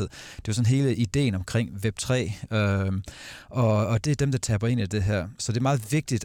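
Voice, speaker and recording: Low male panel guest, halting delivery with lots of fillers, dry close mic. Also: darkish tone, no room sound. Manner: hesitant, many fillers and restarts. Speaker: guest speaker. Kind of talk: casual panel talk.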